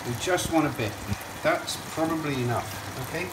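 In an indoor kitchen at the stove, a man with a slightly high voice hosts a cooking show, talking at normal speed as he casually explains each step to camera. His style is chatty and prone to tangents. The mic is distant in an echoey room, picking up hiss along with the sizzle of frying and stirring.

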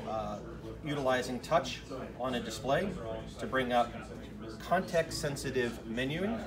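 A middle-aged man giving a technical product demonstration, measured and full of fillers. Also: medium pitch, far from the mic. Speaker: company product expert.

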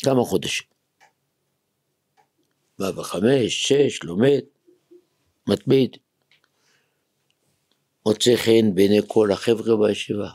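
A man who heads a yeshiva, preaching on the weekly Torah portion. He swings from near-shouts to whispers and keeps putting rhetorical questions to his listeners. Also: fairly low pitch, long pauses, husky, no echo. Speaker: rabbi and yeshiva head.

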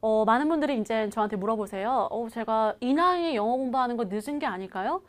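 A woman leads an online English lesson, asking viewers to repeat after her and slowing way down to model each phrase. Her voice is on the high side and animated.

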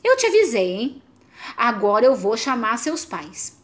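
A woman's voice: sing-song, unhurried. A woman voicing a desperate male storybook character who melodramatically begs the reader not to turn the page. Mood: pleading. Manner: frantic, melodramatic pleading with wild pitch leaps.

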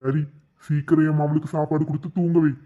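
A man voicing a stern, bossy middle-aged village father in a cartoon, speaking gruffly. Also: a little high, level tone, a little fast, lightly acted. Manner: gruff, ordering. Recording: tinny phone-like sound.

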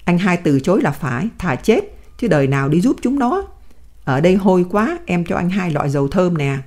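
Woman reading as a warm, affectionate woman prisoner. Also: lowish voice, lively intonation, brisk. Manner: affectionate, indignant. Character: warm middle-aged southern woman prisoner.

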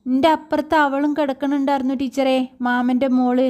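A woman's voice: high-pitched, steady tone, normal speed, darkish tone, voice pushed up, close to an everyday voice. A woman reading a story aloud, voicing a frightened teenage schoolgirl who pleads and breaks off mid-sentence through her tears.

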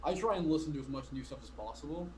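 This podcast guest, a man around twenty, talks very fast and animatedly in a slightly high voice with a darkish tone. His casual chat rambles, is full of filler words, and keeps breaking off mid-sentence. He's indoors in his bedroom on a video call, and the audio quality is poor.

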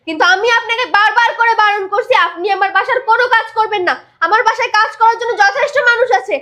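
Young woman doing a bossy protective wife, very high bright voice, fast angry scolding. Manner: scolding, forceful, insistent. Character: young wife of an expat worker, fiercely protective and commanding. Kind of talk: amateur drama acting.

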